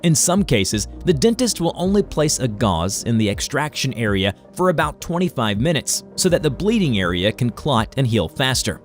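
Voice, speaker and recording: A man narrates an educational medical explainer. His delivery is formal and instructional, with a mid-range voice and animated intonation. Faint music plays behind him. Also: mid-range voice, normal speed, few pauses.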